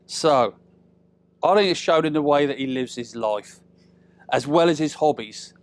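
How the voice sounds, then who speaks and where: A British man in middle age gives a relaxed, comic father-of-the-bride speech, teasing in a conversational way, pausing on purpose and ending lines with tag questions. His voice is a little high, and there's no echo.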